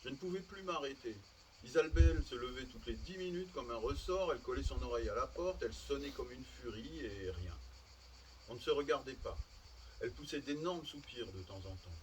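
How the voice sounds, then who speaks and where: Guy reading stories aloud at an outdoor event, measured pace, distant mic, faint crickets in the background. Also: medium pitch, lively intonation, a little hiss or hum. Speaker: reader. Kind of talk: public literary reading.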